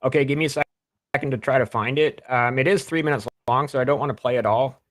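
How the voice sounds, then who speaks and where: Man in his fifties, casual podcast chat, animated, gets loud and high when worked up, dry close sound. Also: quick pace, no room sound. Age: 50s. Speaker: podcast co-host. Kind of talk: casual political chat reading live comments.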